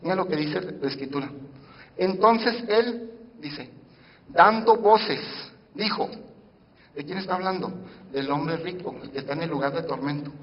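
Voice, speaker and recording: Male pastor mid-sermon, higher-pitched, shifts between loud and hushed, quizzes the congregation, muffled recording in a reverberant church. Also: unhurried, long pauses. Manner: preaching with sudden swings between loud emphasis and hushed asides; addresses the congregation directly with questions. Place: church sanctuary.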